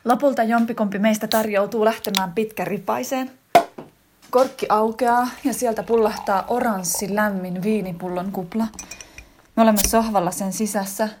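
A woman's voice: medium pitch, heavy background noise, lightly acted. A woman voicing a wistful wife reading a letter to her husband in a radio drama monologue, intimate and reflective. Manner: intimate, reflective, growing more heightened and excited.

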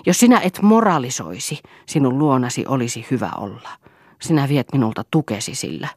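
A woman's voice: a bass voice, expressive, a little mellow, breathy edge, no echo, clean studio sound, full character voice. A woman voicing a moody, self-pitying husband in an audiobook, speaking in sulky, boastful outbursts. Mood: angry. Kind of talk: audiobook character reading.

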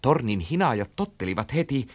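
A man reading a children's story aloud in an animated, rhythmic storytelling style. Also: medium pitch. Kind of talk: expressive storybook narration.

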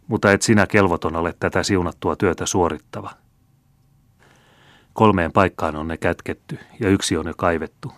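A man's voice: low voice, steady tone, dry recording. A male narrator voicing a devout old woman accused of witchcraft, answering in a dry, curt, firm way. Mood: defiant.

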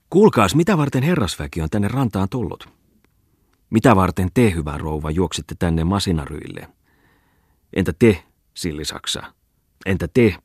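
A man's voice: deep voice, a little mellow, slightly rough, dry recording, studio quality, exaggerated voice. A man voicing a gleeful, mocking male schoolmaster who lectures a crowd in a raised, sneering tone, read from a storybook. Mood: taunting. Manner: sneering, preachy speechmaking.

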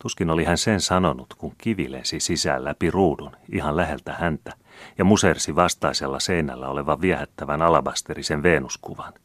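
A man narrates an audiobook in steady, measured storytelling. His voice is very low and deep. The sound is dry and close, with no room echo. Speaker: audiobook reader. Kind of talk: audiobook narration of a classic novel.

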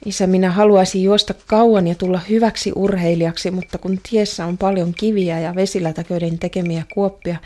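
A woman's voice: lowish voice, steady tone, few pauses, a little mellow, natural voice. A woman voicing a young girl who longs for her father's approval, speaking in an earnest, hesitant first-person radio drama monologue.

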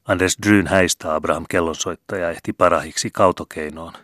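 Male audiobook narrator, deep voice, folksy storyteller, dry close recording. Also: fairly even intonation, fairly bright tone, no echo. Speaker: audiobook reader. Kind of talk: literary narration.

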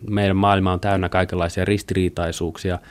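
A man's voice: deep voice, flat delivery. A man talking casually and hesitantly in an interview, with colloquial fillers and restarts. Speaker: author.

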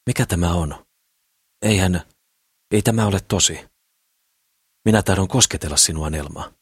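A man voicing a heartbroken lame idealist, speaking in a quiet, creaky voice in an audiobook reading. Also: sits low, no room sound, studio quality. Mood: pleading.

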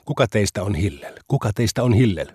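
A man's voice: lowish voice, expressive, darkish tone, slightly rough, no room sound, clean studio sound. A man voicing a pushy, mocking man who keeps pestering a sage in a read-aloud story. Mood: goading. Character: pushy, mocking young male provoker.

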